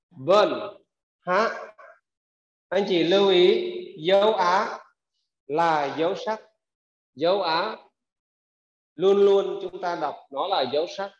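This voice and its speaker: A man teaching pronunciation, saying each word slowly twice for learners to repeat and patiently explaining rules. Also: a little high. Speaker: language teacher. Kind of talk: pronunciation drill lesson. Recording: echoey hall, dull lo-fi sound.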